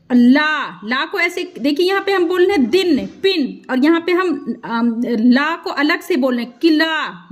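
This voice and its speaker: High-voiced woman teaching Hindi letters. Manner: patient, repeats sounds slowly to explain. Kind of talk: online writing lesson.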